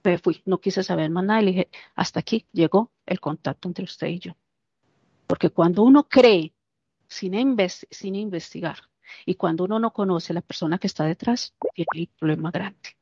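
A woman casually recounting a personal story, lively and animated, acting out the lines of the people in it. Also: on the low side, normal speed, slightly rough, no room sound. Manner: animated, acts out quoted dialogue. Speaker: interviewee. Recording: dull, dry lo-fi recording.

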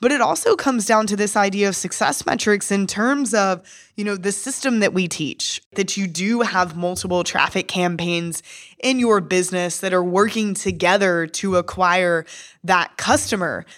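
A woman's voice: medium pitch, moderate pace, a bit bright. A young woman in her twenties co-hosting a podcast in casual chat, sounding nasal from a cold, with a slight Texan accent, upbeat and chatty. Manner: upbeat, chatty, laughs easily. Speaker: podcast co-host.

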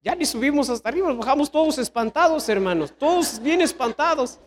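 A middle-aged man with a Mexican accent, preaching a sermon as pastor, telling lively stories and tossing rhetorical questions at the congregation. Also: a little fast. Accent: Mexican Spanish. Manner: animated storytelling preacher, sweeping pitch swings, rhetorical questions.

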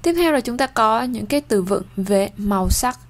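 A woman teaching a language lesson, slowly pronouncing French vocabulary and then explaining it in plain, steady talk. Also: on the high side.

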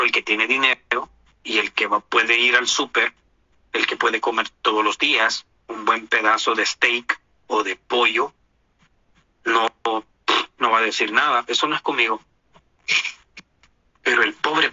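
A man's voice: medium pitch, sharp tone, breathy edge, no room sound, lo-fi sound. A man from Honduras with a Honduran Spanish accent, delivering an indignant, preachy opinion monologue as a commentator.

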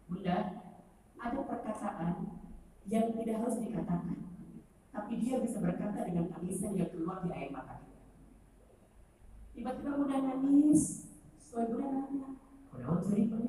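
Woman preacher, animated, acts out scenes; distant mic, big reverb, noisy room. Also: a little high. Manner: animated, acts out dialogue with shifting voices. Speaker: religious speaker. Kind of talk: religious lecture to women. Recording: echoey hall from far off, noisy.

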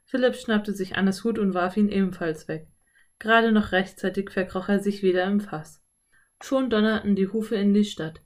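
A woman narrating a children's audiobook in a calm, clear storytelling voice. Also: mid-range voice, moderate pace.

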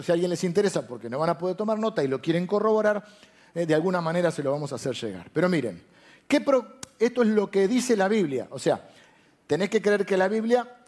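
A man's voice: high voice, a little mellow. A man preaching a conversational sermon, asking and answering his own questions. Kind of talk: conversational sermon to a live audience.

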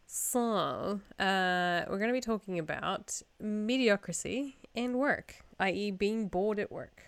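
A woman's voice: mid-range voice, slow, creaky, smooth, dry recording. A young woman from New Zealand co-hosting a podcast, telling stories in an informal, self-amused way. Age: young adult. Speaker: podcast co-host. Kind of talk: casual conversational storytelling.

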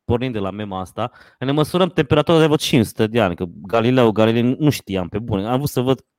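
A man in a casual chat who talks hesitantly, restarting often and filling pauses. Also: medium pitch, animated, a little mellow, no room sound, studio quality. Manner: hesitant, many fillers and restarts.

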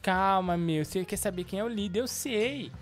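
A man's voice: sits high, normal speed. A man hosting a live stream, teasing and mock-outraged. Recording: music playing behind.

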